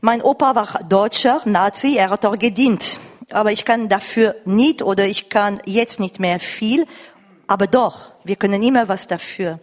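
A French woman in the audience at a lecture makes a spontaneous comment from the floor, her foreign accent clear as she speaks haltingly and insistently, searching for words. Her voice is mid-range. The live talk was recorded in an echoey, reverberant lecture hall.

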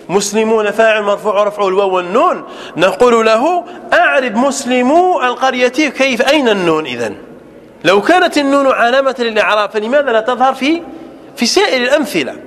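A man teaching Arabic grammar in a classroom, asking rhetorical questions and repeating examples slowly as he dictates them. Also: extremely high pitch, fairly bright tone. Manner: dictates examples at a slow, deliberate pace.

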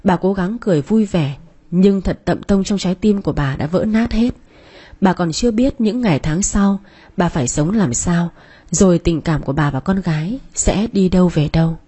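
A woman, reading a story in a calm, measured way. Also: fairly low pitch, husky. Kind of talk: scripted narration.

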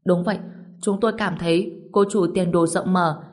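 A woman's voice: on the low side, fairly even intonation, a little mellow, natural voice. A woman voicing an eager, deferential male immortal who offers himself as a servant in a storybook reading. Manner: hurried, deferential.

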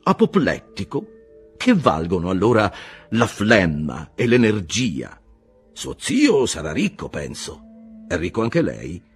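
A man's voice: lowish voice, wildly swooping pitch, takes it slowly, husky, soft background music, heavily acted. A man voicing an eloquent, mildly ironic middle-aged Italian humanist in an audiobook reading, asking probing, emphatic questions.

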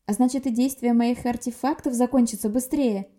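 A woman's voice: fairly high pitch, fairly even intonation, fairly quick, mellow, pitched above the performer's own voice, natural voice. Woman playing a brusque young sorceress. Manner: brusque, scolding. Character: sharp-tongued young sorceress girl, quick-tempered.

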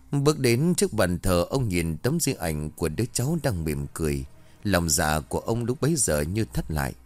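A man narrates a ghost story and voices every character himself. His voice sits very low, yet it swings widely in pitch as he tells it. The recording is dry, with almost no room sound. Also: dry recording.

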